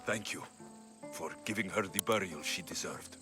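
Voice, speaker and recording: A deep, fairly ordinary-sounding male voice speaks at a moderate pace over music. It's an actor voicing a grieving Greek mercenary hero, the protagonist of a video game, delivering a cutscene in a subdued, somber tone.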